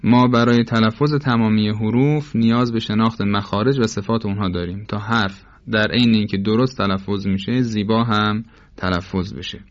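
A man gives a formal, methodical lesson, explaining each point patiently. His voice sits on the low side. The recording is dull and lo-fi. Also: fairly even intonation. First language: Persian. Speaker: Quran recitation teacher.

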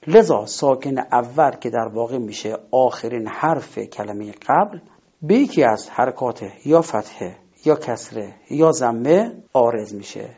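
A man teaching Quran recitation rules in a measured, explanatory way, reciting the example words as he goes. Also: mid-range voice, vocal fry, mellow, breathy edge, highs cut off. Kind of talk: instructional lesson.

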